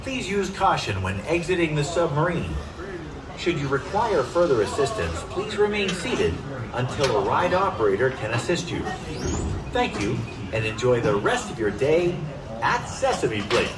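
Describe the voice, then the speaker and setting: A man giving a formal, measured ride safety announcement, played over an outdoor loudspeaker. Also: on the high side, very animated. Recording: echoey distant loudspeaker, loud crowd.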